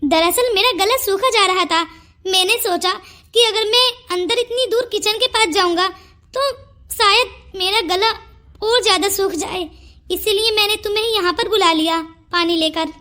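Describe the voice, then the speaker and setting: A woman voicing a kind, caring young man in a cartoon story, talking in a gentle, teasing way. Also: extremely high pitch, moderate pace.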